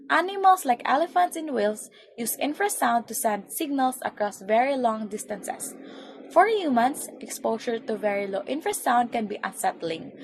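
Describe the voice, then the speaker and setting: Woman with a lively, bouncing voice. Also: fairly high pitch, slightly rough. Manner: reads points then explains them, occasional slips. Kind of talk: reading an educational presentation. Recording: faint background noise.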